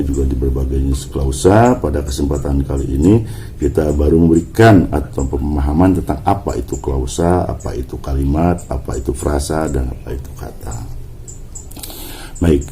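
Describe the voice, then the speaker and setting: A man's voice: a bass voice, mellow, a little hiss or hum. A man giving a university lecture, explaining step by step and posing questions he then answers himself.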